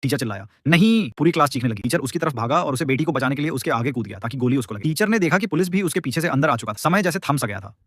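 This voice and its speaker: A man narrating a dramatic story in a rapid, tense scripted style. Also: medium pitch, lively intonation, fairly bright tone, dry recording, studio quality.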